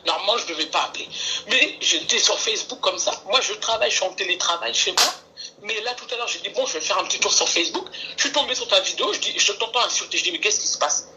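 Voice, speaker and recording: A woman calling in to a live stream, talking earnestly and pleading for calm. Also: mid-range voice, fast, background noise. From France. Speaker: caller. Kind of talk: phone call on a live stream.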